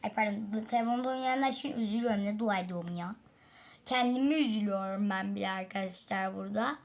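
A woman's voice: mid-range voice, fast. A woman hosting a casual gaming video, chatting to viewers about her fails and sighing as she keeps falling. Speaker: gaming channel host. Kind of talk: casual let's-play commentary. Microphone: tablet.

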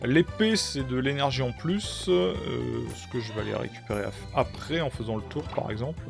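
A young man commentates his live game stream in a relaxed, chatty way, greeting viewers and filling pauses with hesitations. His voice has a gravelly edge at a middle pitch. Faint game music plays underneath. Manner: chatty, greets chat viewers, many fillers.

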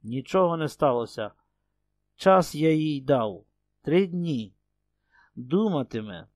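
A man's voice: fairly high pitch, expressive, slow pace, no room sound. A man voicing a stern young husband who speaks curt and cold.

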